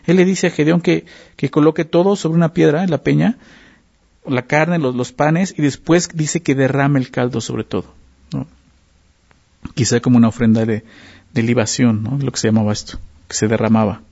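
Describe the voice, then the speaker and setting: A man's voice: mid-range voice, steady tone, moderate pace, vocal fry, a little mellow. A man preaching a sermon in a conversational teaching manner, often adding tag questions and repeating words as he searches for phrasing. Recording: dull lo-fi sound.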